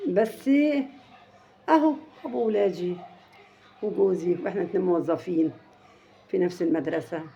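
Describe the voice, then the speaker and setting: A soft-voiced woman with an Egyptian accent, telling a story to her viewers in a halting way with many restarts. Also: on the low side, gravelly, highs cut off. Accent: Egyptian Arabic. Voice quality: naturally soft, quiet voice. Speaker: family channel vlogger.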